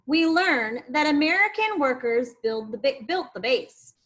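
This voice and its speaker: Her pitch is high and her pace unhurried as this female teacher shares an informational book with a group of small kids. She reads with expression, explains as she goes, and throws in side comments to the class.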